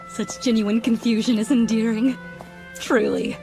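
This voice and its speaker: A poised anime maid, formal and slyly teasing. Her polished voice sits a little high, with music clearly behind it. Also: steady tone, slow, warm tone, low-quality recording. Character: poised, sly young female maid who teases guests. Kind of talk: English anime dub acting.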